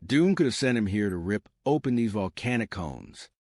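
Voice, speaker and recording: A man's voice: on the low side, animated, moderate pace, a little mellow, no echo, clean studio sound, lightly acted. Cyclops, a man reading as an earnest team leader.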